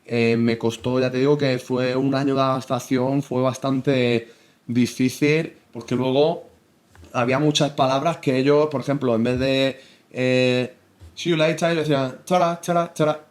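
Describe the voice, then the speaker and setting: A young Spanish man with a Spain Spanish accent, a football analyst chatting in an interview, halting with many restarts. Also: medium pitch, flat delivery, darkish tone. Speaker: football analyst and coach, guest. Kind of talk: casual interview chat.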